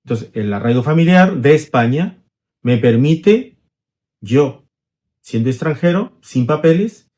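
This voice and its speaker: A man's voice: mid-range voice, expressive, measured pace, mellow. Middle-aged male lawyer, conversational explainer, illustrative examples, frequent tag questions. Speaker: immigration lawyer.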